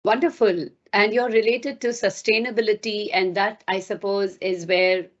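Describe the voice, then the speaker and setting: A woman's voice: medium pitch, fairly even intonation, moderate pace, muffled recording. A woman hosting an interview, welcoming her guest in a formal, gracious way and asking questions. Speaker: podcast host.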